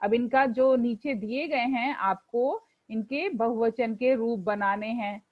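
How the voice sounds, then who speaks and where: Slow, patient woman teacher, dull recording. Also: fairly high pitch. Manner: slow and patient, reciting word forms aloud for pupils to repeat. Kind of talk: classroom lesson explaining textbook exercises.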